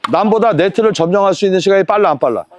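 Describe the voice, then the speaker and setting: A man coaching a tennis lesson on court, counting drills and firing quick rhetorical questions at his student. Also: high-pitched, lively intonation, a little mellow.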